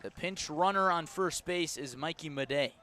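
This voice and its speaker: Calling baseball live for radio from the ballpark, this announcer uses short, descriptive bursts that climb as the play unfolds. His voice is a little high, pushed and bright, at a moderate pace.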